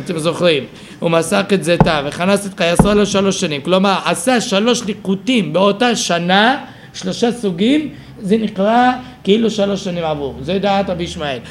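A man's voice: sits high, a little hiss or hum. A man teaching a Talmud study class, explaining the text aloud and thinking it through with self-corrections.

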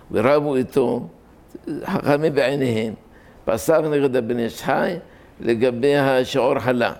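A man giving a sermon, telling a miracle story and explaining a religious law in a plain-spoken way, with sudden high rises for emphasis. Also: darkish tone. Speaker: religious teacher. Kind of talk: sermon storytelling and halakhic lecture.

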